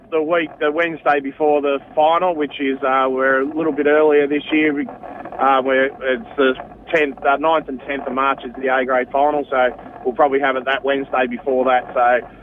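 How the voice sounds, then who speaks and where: An Australian man chatting casually as a radio interview guest, laid-back and matey with a halting delivery. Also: medium pitch. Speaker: cricket association president, interview guest. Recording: dull lo-fi line, faint noise.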